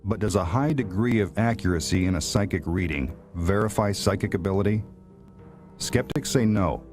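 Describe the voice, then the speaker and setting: A man with a very deep voice delivers scripted investigative narration. He is a documentary narrator, and music plays clearly underneath his voice-over. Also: moderate pace.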